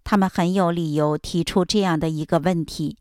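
A woman narrating a religious biography as a steady, measured, solemn scripted reading. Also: fairly low pitch, no room sound, clean studio sound.

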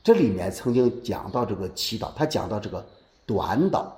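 In a church where the sound echoes around the room, a man with a lowish voice preaches at normal speed. He reads a scripture passage and then expounds on it warmly, his intonation lively and full of rhetorical questions for the congregation.

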